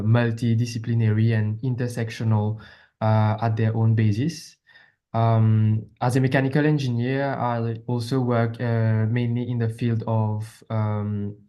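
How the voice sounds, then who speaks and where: A man's voice: medium pitch, mellow. A man from Mauritius with a Mauritian accent and Creole as his native language, speaking earnestly as a panelist. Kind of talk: panel introduction and explanation.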